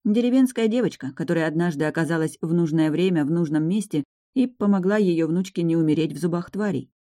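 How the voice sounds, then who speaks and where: Low-voiced woman narrating an audiobook. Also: quick pace, dark tone. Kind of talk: first-person fantasy audiobook narration.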